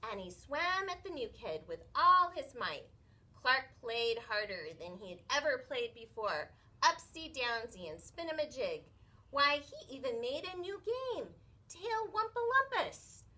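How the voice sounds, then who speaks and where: Pitched high, this woman's voice carries a children's story in a lively, schoolteacher-like reading, broken up by questions she puts to the audience.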